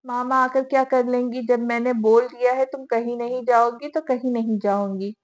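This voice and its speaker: A woman's voice: on the high side, level tone, moderate pace, natural voice. A woman reading the lines of a hot-tempered, possessive young husband giving curt orders. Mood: commanding. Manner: curt, commanding.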